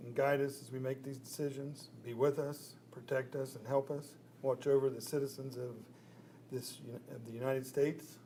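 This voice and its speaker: A man's voice: mid-range voice, darkish tone. A man addressing a public government meeting as its chair, in plain formal phrases. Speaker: county commissioner chairing meeting. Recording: noisy public meeting room recording.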